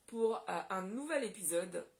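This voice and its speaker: A woman from Guadeloupe delivers a casual solo vlog monologue. She talks with indignant passion. Her voice sits at a middle pitch. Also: animated, a little slow. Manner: impassioned, indignant. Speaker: vlogger.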